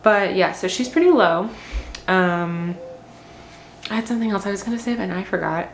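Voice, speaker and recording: A woman's voice: medium pitch, expressive, moderate pace, slight background noise. A young woman giving a casual pregnancy update, rambling and chatty with many fillers and a little short of breath. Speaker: vlogger. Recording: echoey room with faint ambience.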